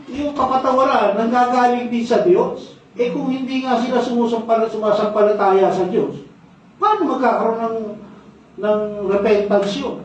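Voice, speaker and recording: High-voiced pastor in an echoey church. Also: male voice. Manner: ends phrases with a questioning "no?"; storytelling, repeats key phrases. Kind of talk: sermon. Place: church sanctuary, indoors. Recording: very echoey hall, distant dull mic.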